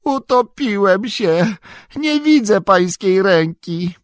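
Devoted young hobbit servant, pitched high and pleading, husky edge, read by a male narrator. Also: big pitch swings, moderate pace, dry recording, studio quality. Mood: frightened. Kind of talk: audiobook character voice.

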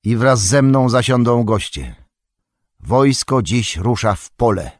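A man's voice: medium pitch, expressive, slow pace, no room sound, studio quality, pitched above the performer's own voice. A man playing a stern old king. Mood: commanding. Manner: firm, authoritative.

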